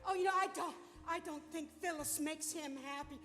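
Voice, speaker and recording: A woman's voice: high-pitched, fairly even intonation, brisk, a bit bright. A woman playing a fragile middle-aged wife who sounds wounded and defensive, in a stage production. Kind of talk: stage musical acting. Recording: theater stage with long reverb.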